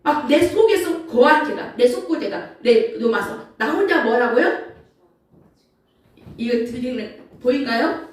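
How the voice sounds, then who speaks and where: High-voiced woman preaching in an echoey hall. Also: measured pace, pauses often. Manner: animated, acts out grumbling prayers. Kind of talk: sermon. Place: church sanctuary. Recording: echoey church hall from far off.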